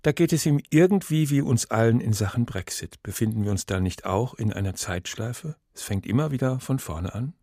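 A man presenting a radio program, measured and smooth. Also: mid-range voice, lively intonation, mellow, no room sound, clean studio sound. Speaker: radio host.

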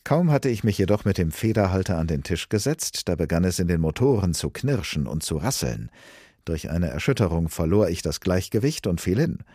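A man reading a story aloud, expressive and earnest, close to the studio mic. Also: low-pitched, a little fast, husky, no room sound. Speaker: narrator. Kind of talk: dramatic audiobook reading.

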